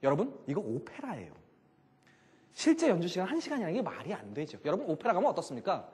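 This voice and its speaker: A middle-aged man giving a joking, animated lecture on classical music to a live audience, full of rhetorical questions. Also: sits high, quick pace, husky, in a large hall.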